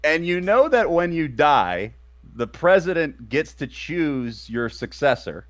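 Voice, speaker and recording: A man's voice: a little high, sing-song, slow pace. A man co-hosting a casual live stream. He rambles and hesitates with frequent fillers as he sets up topics. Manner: hesitant, rambling, many ums. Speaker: co-host.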